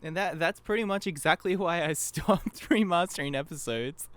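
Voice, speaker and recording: On a casual podcast, a man who creates a fan abridged series chats as an interview guest, rambling self-deprecatingly and dropping thoughts halfway through. His voice is a little high and fairly bright, at a moderate pace, with no room sound.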